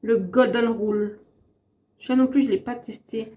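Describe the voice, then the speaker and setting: A woman's voice: on the high side, fairly even intonation, normal speed, warm tone, a little hiss or hum. A French woman vlogging a casual makeup and perfume review, chatty and rambling, often correcting herself. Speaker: beauty vlogger.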